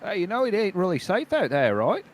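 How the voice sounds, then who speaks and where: A man acts out a folksy town guard in a tabletop game. He is chatty and colloquial, with a raised, lively voice and small-town phrasing. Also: high-pitched, brisk, slight background noise, voice pushed up. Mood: friendly warning.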